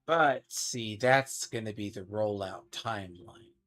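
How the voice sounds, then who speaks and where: A man's voice: fairly low pitch, slow, a bit bright. A man giving casual game commentary, rambling and thinking aloud as he speculates. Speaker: gaming streamer. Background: game music.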